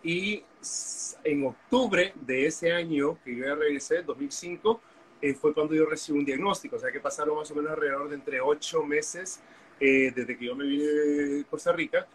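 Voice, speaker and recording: Over a video call, a Honduran activist tells his story candidly in an interview, full of fillers. His voice sits a little high at normal speed, and the poor audio carries slight background noise.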